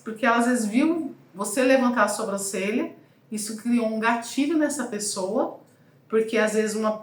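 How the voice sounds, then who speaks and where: A woman giving casual advice as a communication and voice coach, talking with lively shifts in pace and emphasis. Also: medium pitch, echoey room.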